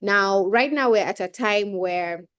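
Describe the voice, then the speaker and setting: Speaking a little slowly in a mid-range voice, this young adult woman sounds fairly bright, clear and resonant. She has a cold and is delivering a casual keynote talk on a video call, often restarting and using fillers.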